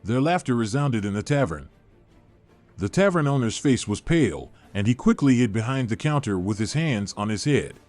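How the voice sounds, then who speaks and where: A man reading a story aloud in an even, steady narration, with dialogue read in much the same flat voice. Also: medium pitch, moderate pace. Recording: faint music behind.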